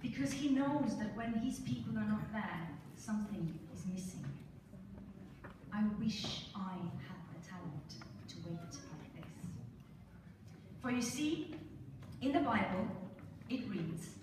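A middle-aged woman from Estonia telling a gently humorous story to a congregation, speaking with pauses into a handheld mic. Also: mid-range voice, lively intonation. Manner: slow, warm-humored, with pauses. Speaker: church speaker. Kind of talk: storytelling talk with slides. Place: church hall. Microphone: handheld mic, filmed from the congregation. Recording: echoey hall from far off, noisy.

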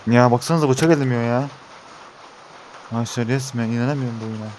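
A man's voice: mid-range voice, fairly even intonation, fast talker, darkish tone, a little hiss or hum. A young Turkish man giving let's-play commentary, talking to his viewers and getting frustrated with the game. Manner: exasperated, talks to viewers as he plays. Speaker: gaming YouTuber.

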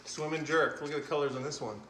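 A fishing channel host in his forties sits at an indoor table unboxing things with his kids, joking playfully, cheerful and laughing often. He talks fast in a fairly high, steady voice over a noisy crowd, and the room is echoey with background noise.

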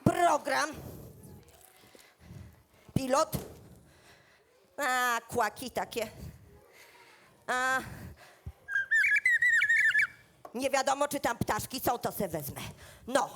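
A grumpy old granny, played by a woman in a children's comedy, speaking slowly in a high voice. Her talk is slangy and drawn out, over a slightly noisy recording. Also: lively intonation, fairly bright tone, full character voice. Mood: muttering, resigned. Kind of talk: children's comic stage play.

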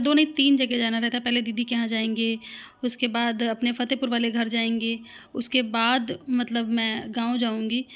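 A woman from Lucknow chatting casually to camera in a family vlog, given to exasperated complaining. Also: fairly high pitch. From Lucknow, India. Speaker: vlogger.

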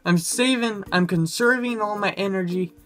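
A young adult man rambling casually in a vlog with a low-energy, goofy manner, recorded indoors close to the camera. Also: moderate pace, fairly bright tone, soft background music. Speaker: YouTuber. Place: indoors in a room. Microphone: camera close in front of him.

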